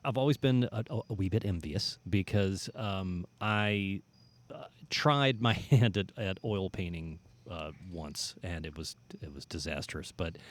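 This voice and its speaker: A man hosting a casual podcast, chatty and joking, often stumbling and restarting his sentences. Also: on the low side. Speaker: podcast host.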